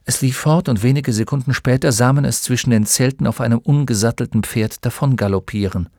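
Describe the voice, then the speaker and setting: A man narrating an audiobook in a measured, vivid storytelling manner. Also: mid-range voice, darkish tone, dry recording, studio quality.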